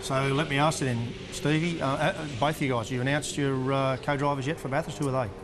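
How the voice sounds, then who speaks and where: A man's voice: medium pitch, fairly even intonation, a little fast, over music. A man co-hosting a motorsport TV show, asking drivers direct, chatty questions. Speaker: TV co-host and pit-lane reporter. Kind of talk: television interview.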